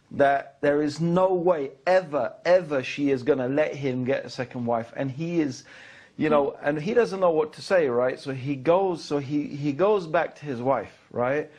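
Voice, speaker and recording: A man's voice: on the high side, darkish tone. A man telling a joke in a conversational way, often checking in with the listener. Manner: conversational, keeps checking in with 'right?'. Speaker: comedian.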